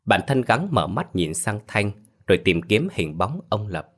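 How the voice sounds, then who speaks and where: Deep-voiced male storyteller. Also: sing-song, measured pace, a bit bright. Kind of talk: scripted horror story narration.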